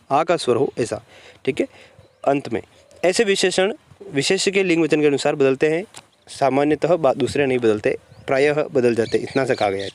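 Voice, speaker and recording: A man's voice: on the high side, darkish tone. Man giving a step-by-step grammar lesson. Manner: explains step by step, asks and answers his own questions, repeats "ठीक है". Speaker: Hindi grammar teacher. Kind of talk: classroom-style grammar lecture.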